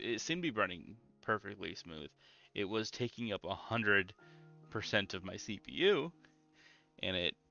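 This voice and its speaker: A young man streaming a game in a calm, low-energy, mellow way, full of ums and easy asides. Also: creaky. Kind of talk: casual gameplay stream chat. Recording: slightly muffled lo-fi audio with faint music.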